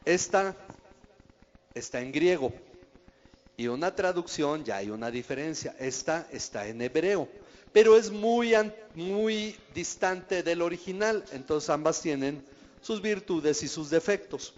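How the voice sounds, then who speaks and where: Here a man teaches a sermon as a pastor, keeping it conversational and regularly questioning his audience. Fairly high in pitch, he sounds animated yet measured, though the recording is dull and reverberates around a hall.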